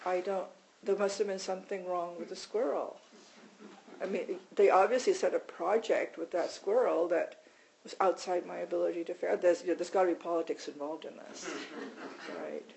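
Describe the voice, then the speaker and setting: A woman voicing a self-pitying male pet dog who complains in a rapid, whiny inner monologue. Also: on the low side, fairly even intonation, gravelly, darkish tone, slight background noise, low-quality recording.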